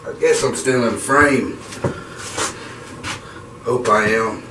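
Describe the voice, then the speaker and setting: A man's voice: medium pitch, takes it slowly. A young man chatting casually and slangily, grumbling as he goes through a challenge video. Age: young adult. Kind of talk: casual chat. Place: small bare indoor room. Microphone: camera several feet away. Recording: echoey, noisy room, distant mic.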